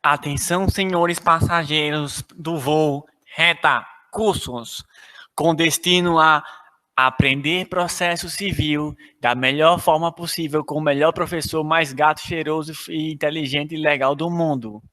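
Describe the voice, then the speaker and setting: A man's voice: on the high side, steady tone, measured pace, bright, forceful tone, big-room sound, pitched below the performer's own voice. A man voicing a male airline pilot making a mock-formal boarding announcement over an airplane intercom. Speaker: law teacher.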